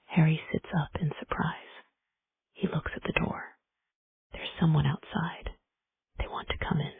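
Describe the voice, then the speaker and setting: An audiobook narrator whispering a story in steady, simple storybook reading. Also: medium pitch, unhurried, gravelly, slightly rough, dry recording. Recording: dry, tinny phone-like sound.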